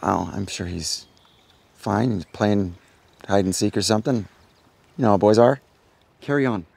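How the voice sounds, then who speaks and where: An actor playing a middle-aged scoutmaster in a short film, cheerfully callous and offhand, who shouts when he gets worked up. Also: on the low side, moderate pace, no echo. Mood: breezy. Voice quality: gravelly, husky, yells when excited.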